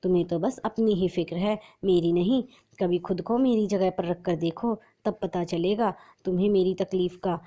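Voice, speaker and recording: A woman's voice: lowish voice, normal speed, few pauses, dark tone, muffled recording, close to an everyday voice. A woman voicing a lovesick young wife who complains in a pouting manner. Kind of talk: storybook narration.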